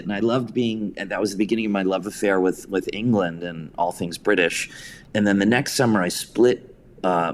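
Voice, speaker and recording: A deep-voiced American man in his fifties, a theater writer and director from suburban New York, recounts personal anecdotes as a guest on a podcast. His manner is self-deprecating and story-driven, with slight background noise audible.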